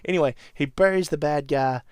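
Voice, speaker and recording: A man hosting a podcast, casually recapping a classic movie in a rambling way, chuckling and sometimes breaking into animated impressions. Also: on the high side, fairly quick, clear, resonant tone, no room sound, clean studio sound. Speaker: podcast host.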